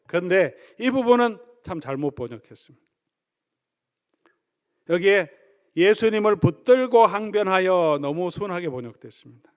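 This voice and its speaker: A male pastor preaching a sermon, explaining word meanings and acting out scenes with animation. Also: a little high. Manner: animated storytelling, acts out scenes.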